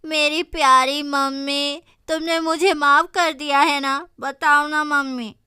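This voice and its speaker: Young romantic lead, read by a woman, gentle and pleading, dry close sound. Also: high-pitched, steady tone, takes it slowly, no echo, heavily acted. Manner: pleading, soft. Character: sweet young woman, the heroine.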